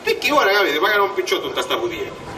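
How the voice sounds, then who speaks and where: A man acting a mocking, sceptical village crony in a stage comedy, needling and animated, in Sicilian dialect. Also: high voice, fast talker, a little hiss or hum, exaggerated voice. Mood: impatient. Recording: echoey theatre stage, distant mic, audience.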